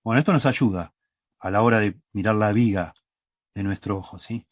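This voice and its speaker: A man's voice: fairly low pitch, moderate pace, dry recording, clean studio sound. A man preaching a sermon with an Argentine Spanish accent, teaching step by step and checking in with the congregation. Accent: Rioplatense Spanish. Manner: teaching, asks the congregation "¿sí?" often. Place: church.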